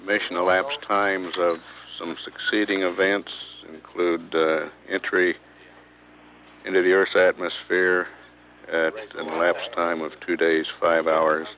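A man with a very low, flat voice delivers space mission status commentary. He goes haltingly from figure to figure, on a dull, lo-fi feed. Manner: halting, pausing often between figures. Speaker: public affairs mission commentator. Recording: dull lo-fi archival feed, faint noise.

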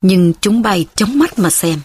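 A woman's voice: animated, a little slow, husky. A woman reading an audiobook, voicing a furious, spiteful middle-aged wife who hurls scornful insults. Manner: shrill, scornful, shouting insults.

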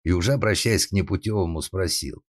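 A man narrating an audiobook in a steady, ironic storytelling manner. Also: deep voice, fast talker, no echo, clean studio sound.

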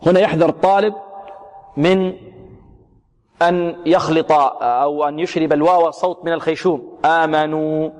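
A man teaching the rules of Quran recitation, asking questions and answering them himself, with slow, drawn-out recited examples. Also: a little high, fairly even intonation, darkish tone, long reverb tail. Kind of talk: tajwid lesson with recited examples. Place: radio broadcast studio.

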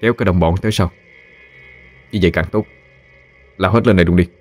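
A man voicing a young female ghost who pleads for help in a soft, plaintive falsetto. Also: fast talker, faint music behind. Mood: gloating.

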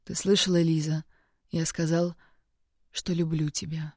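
A rough, blunt young man begs his girlfriend to trust him, as a woman reader voices him. Her voice is low and mellow, recorded dry and close. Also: little pitch movement, a little slow, no echo. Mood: tender. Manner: blunt, pleading. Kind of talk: audiobook reading.

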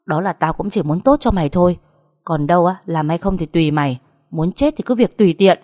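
A woman doing a blunt, sharp-tongued stepsister. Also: fairly low pitch, fairly quick. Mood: scolding. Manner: blunt, scolding, rough-talking. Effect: heard over a phone call.

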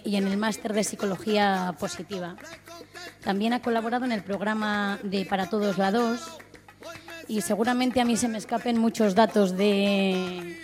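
A woman introduces speakers at a round table. She talks haltingly and restarts as she searches for words. Music plays clearly behind her voice. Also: mid-range voice.

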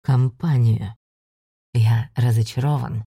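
A woman's voice: extremely low pitch, steady tone, slow pace, mellow, slightly rough, no room sound, studio quality, voice pushed down, full character voice. A woman voicing a contemptuous male demonic guardian who hisses and mocks in an audiobook. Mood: mocking. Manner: hissing, contemptuous, mocking. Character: sneering male demonic guardian, arrogant, menacing.

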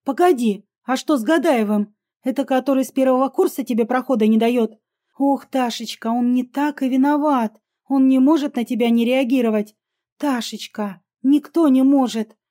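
A woman voicing an anxious, fond middle-aged mother who speaks in a soft, coaxing, fretful way in a storybook reading. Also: high voice, moderate pace, close to an everyday voice.

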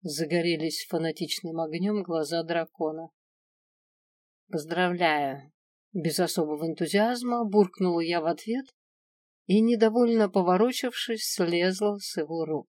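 Low-voiced woman narrating a fantasy story. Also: normal speed, a little mellow, dry recording, studio quality, far from the mic. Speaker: audiobook narrator. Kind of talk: first-person fantasy romance narration.

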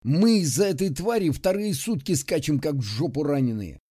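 A furious senior army lieutenant barks rough threats in a raised, strained voice, as a man reading an audiobook puts him on. His tone stays mellow and dark despite the heat. It is a character voice in a spoken war story. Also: a little high, animated, normal speed.

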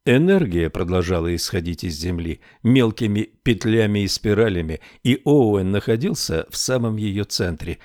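A man narrating an audiobook in a measured storytelling way. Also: fairly low pitch, lively intonation, a little mellow, no room sound, clean studio sound. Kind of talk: scripted narration.

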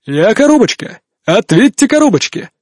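A man voicing a cheerful, brisk tank commander who speaks over a field radio in a bright, almost announcer-like way. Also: high-pitched, very animated, dry recording, studio quality, voice pushed up. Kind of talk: audiobook reading.

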